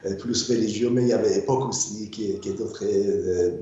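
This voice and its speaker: A man's voice: lowish voice, fairly even intonation, brisk, warm tone. Hesitant older man, echoey muffled room. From Iran. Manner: hesitant, many fillers and repeated words. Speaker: guest artist. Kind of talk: interview conversation.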